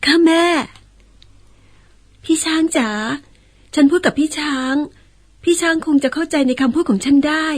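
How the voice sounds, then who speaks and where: An actress playing a polite, gentle young daughter who speaks softly and coaxingly, in old-style radio drama acting. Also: female voice, high-pitched, normal speed, long pauses, lightly acted.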